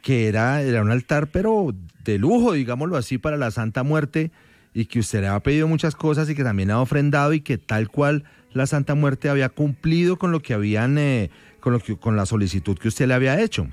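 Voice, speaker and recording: A man's voice: mid-range voice, animated, fairly quick, darkish tone. A male call-in radio host in a dry, close studio sound with no room echo. He talks in a friendly, coaxing, informal way as he draws out a caller.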